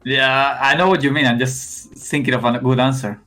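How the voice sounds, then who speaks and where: A man's voice: medium pitch, steady tone, pushed and bright. Young guy w/ thick spanish accent, keeps restarting, faint music under it. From Spain. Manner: halting, many restarts and fillers. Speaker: esports player guest. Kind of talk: casual interview.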